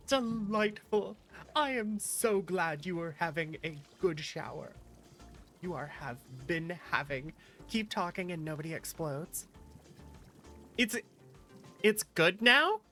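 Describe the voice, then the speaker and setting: This streamer's lowish voice is expressive, pushed and bright, and she takes her time. A virtual YouTuber with background music playing, she casually chats with her viewers, playfully teasing them and responding animatedly to the chat.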